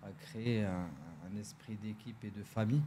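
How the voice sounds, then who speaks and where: A low, mellow-voiced man from Morocco talks as a guest on a studio podcast, with faint room sound behind him. He often hesitates, repeats himself and hunts for the right word. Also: steady tone, normal speed, a little hiss or hum. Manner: hesitant, searches for words, many restarts. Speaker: restaurant owner, guest. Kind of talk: casual interview.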